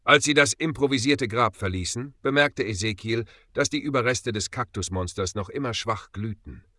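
A man narrating a dark adventure audiobook in a grave, dramatic storytelling manner. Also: medium pitch, moderate pace, no room sound, studio quality.

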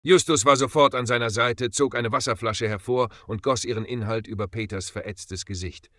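A man narrating a dark adventure story with dramatic emphasis. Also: mid-range voice, normal speed, no room sound. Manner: dramatic, rising and falling emphasis.

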